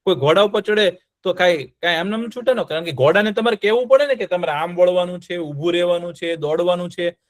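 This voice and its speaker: A man's voice: high-pitched, fast, hardly any pauses, no echo, studio quality. A man telling a history story to children, often stopping to quiz them with check-in questions.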